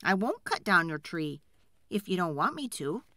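A woman voicing a poor, tired adult male woodcutter in a children's storybook, speaking loudly and earnestly. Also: fairly low pitch, big pitch swings, normal speed, a little hiss or hum. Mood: nervous.

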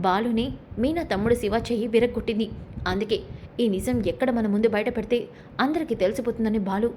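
A scheming young daughter-in-law, voiced by a woman narrator presses her case with insistent tattling. She talks quickly, in a slightly raised voice. The reading keeps close to a plain storytelling tone. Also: fairly high pitch, a little mellow, slight background noise, close to an everyday voice.

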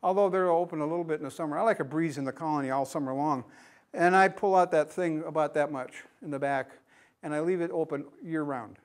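Talking fast in a fairly high voice, an American beekeeping speaker in his sixties delivers a straightforward conference lecture in a classroom and keeps asking the audience questions.

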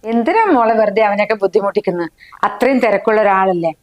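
An actress playing a soft-spoken middle-aged mother who reassures her daughter in a family short film. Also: mid-range voice, quick pace, close to an everyday voice.

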